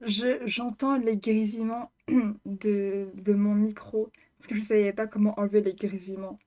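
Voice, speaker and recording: A woman's voice: mid-range voice, flat delivery, moderate pace, mellow. A woman vlogger reacting to her own video in a casual, self-mocking way, laughing and teasing herself.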